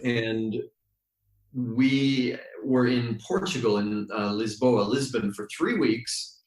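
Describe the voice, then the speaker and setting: Male guest, mid-pitched, reflective and pausing, recorded in an echoey room. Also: fairly even intonation. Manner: thoughtful, unhurried, with frequent ums and pauses. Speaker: guest, yoga teacher. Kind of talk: relaxed storytelling in conversation. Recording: roomy echo.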